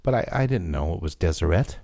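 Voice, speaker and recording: A very deep male voice that swings widely in pitch as he jokes and rambles, playing dumb for laughs. The sound is close and dry, with no room to it. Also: expressive, fast, gravelly, dark tone, no room sound. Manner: jokey, playfully confused, rambling. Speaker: podcast co-host. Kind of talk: casual podcast chat.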